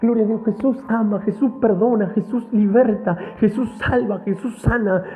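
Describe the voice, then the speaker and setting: A man's voice: sits high, fairly even intonation, moderate pace, warm tone. A man preaching a fervent sermon, repeating his points and calling out straight to his listeners. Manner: fervent, repetitive direct address to listeners. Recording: tinny phone-like sound.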